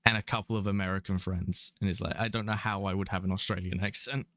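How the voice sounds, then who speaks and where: A young English guy in his twenties talks fast in a low, steady voice with a fairly bright tone. He has a London accent and gives casual, rambling live-stream commentary with chuckles as he plays a game. There's no echo.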